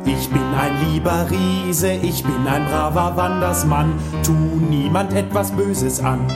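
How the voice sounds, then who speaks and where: A man singing as a gentle lonely giant. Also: a little high, slow pace. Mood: wistful. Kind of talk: sung children's song. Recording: song over loud piano.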